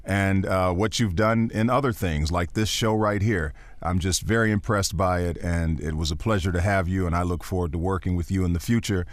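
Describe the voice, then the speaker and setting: A baritone-voiced man who acts in voiceover and teaches it speaks as a podcast guest, earnest, encouraging, and emphatic. He talks at normal speed with few pauses, in a dry recording.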